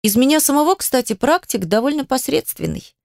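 A woman reading the part of an adult male mage teacher, calm and instructive, a little condescending. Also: sits high, brisk, vocal fry, no room sound, clean studio sound, voice pushed up, heavily acted.

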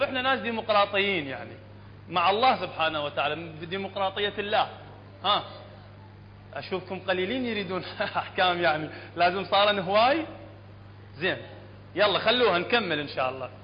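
A man with an Iraqi accent teaching Quran recitation in a classroom lesson, explaining step by step and often checking that it is clear. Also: high voice. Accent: Iraqi Arabic. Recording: echoey hall, dull lo-fi sound, faint room noise.

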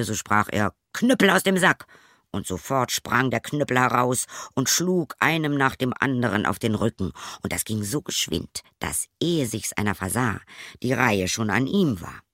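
A man reading a fairy tale aloud as an expressive storyteller. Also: lowish voice, no echo, studio quality. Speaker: narrator.

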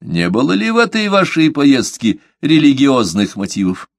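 A man's voice: medium pitch, wildly swooping pitch, normal speed, gravelly, no room sound, studio quality, voice pushed up. A man voicing a stern male inquisitor who questions coldly and probingly in an audiobook. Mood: interrogating. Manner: cold probing interrogation. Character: stern grim male inquisitor, older cleric. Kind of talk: audiobook character reading.

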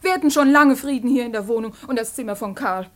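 A woman voices a desperate young daughter in an old radio play. Her voice is high and she speaks with pleading intensity. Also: fast, a bit bright, natural voice. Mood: reproachful. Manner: impassioned, pleading. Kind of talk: 1950s radio play acting.

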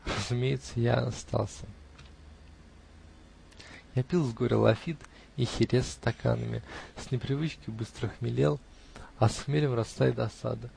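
A man reading a classic novel aloud in the first person, with expressive storytelling. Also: medium pitch, moderate pace, vocal fry, long pauses, a little hiss or hum.

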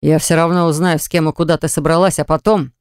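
A reader voicing a jealous, hot-tempered man who growls and hisses his words, lower than the narration, in an audiobook. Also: fairly even intonation, brisk, clean tone, dry recording, clean studio sound, close to an everyday voice. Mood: seething. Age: adult. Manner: growling, hissing through teeth. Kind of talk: audiobook acting.

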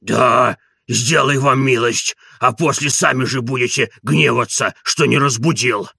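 A gravelly, slow-spoken old servant, as a male reader puts him on, stubborn and grumbling as he nags his master. His voice is husky and bright at the edges, folksy in every word of this audiobook scene. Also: mid-range voice, dry recording, clean studio sound, exaggerated voice. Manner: coaxing and scolding, folksy.

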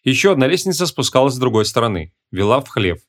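A man narrating a humorous fantasy audiobook with a lively, expressive reading. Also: mid-range voice, fast.

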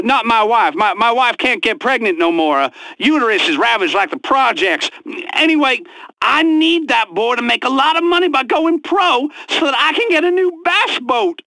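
Hapless caller, stammering, hesitant, extremely high voice, bright tense tone. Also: male voice, no room sound, exaggerated voice, poor audio.

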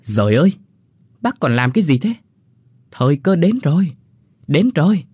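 A man's voice: mid-range voice, sing-song, slightly rough, no echo. A man doing a pushy young village thief. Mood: urgent. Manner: urgent, fast, raised voice.

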